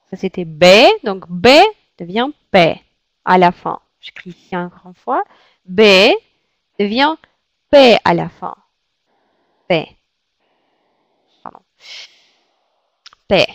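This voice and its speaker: A woman with a Russian accent gives a language lesson, repeating words and pausing with hesitant fillers as she explains. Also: mid-range voice, expressive, no echo. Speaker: Russian teacher.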